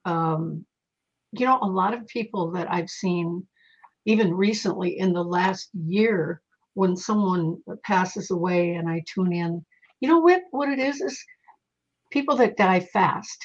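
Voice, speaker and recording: A woman's voice: on the low side, unhurried. A woman who is a psychic guest in an interview, telling stories animatedly, with frequent fillers and restarts. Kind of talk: conversational storytelling. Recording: dull lo-fi recording.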